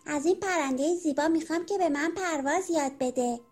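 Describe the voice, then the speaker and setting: A woman's voice: darkish tone, close to an everyday voice. Woman doing a whiny, jealous little green worm. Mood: eager, pleading. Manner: sulky, pleading, high and tearful. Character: small envious green worm, whiny and eager. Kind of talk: storybook character voice.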